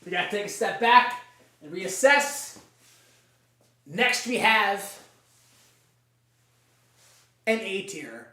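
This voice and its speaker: A livestream host does hyped tier-list commentary as a mock sportscaster, repeating his catchphrases in an echoey room. His high-sitting voice is bright and forceful, expressive yet slow, with frequent pauses.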